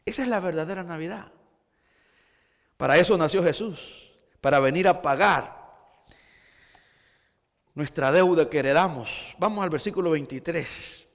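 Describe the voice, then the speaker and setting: High-voiced preacher in an echoing hall. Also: male voice, moderate pace, gravelly, long pauses. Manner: preaching with rising emphasis and repeated starts. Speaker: pastor. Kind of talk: sermon. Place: church hall.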